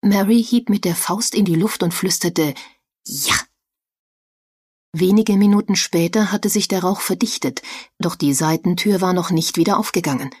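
A woman reading a story aloud as narrator, in steady storytelling style. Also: fairly low pitch, normal speed, slightly rough, no echo, studio quality. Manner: steady storytelling, acting out each figure. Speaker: audiobook narrator. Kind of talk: scripted narration.

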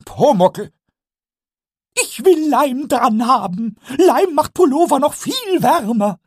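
A mischievous little male kobold with a very high, squeaky voice. He stretches his words out slowly and singsong, with swooping pitch, in a husky tone. This is a storybook reading, recorded close and dry. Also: lively intonation, dry recording, exaggerated voice. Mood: gleeful. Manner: squeaky, rhyming, singsong and drawn-out.

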